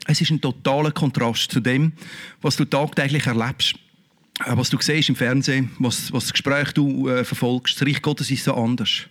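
A man's voice: medium pitch, steady tone, moderate pace, a bit bright. A middle-aged man with a Swiss German accent preaching a sermon as pastor, fervent and exclamatory, tossing rhetorical questions at the congregation.

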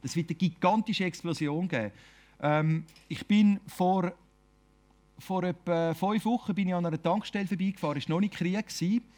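A man's voice: high-pitched, moderate pace, darkish tone. A man with a Swiss German accent preaching an informal sermon, talking conversationally and often ending phrases with a questioning tag. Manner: conversational, keeps asking "oder?".

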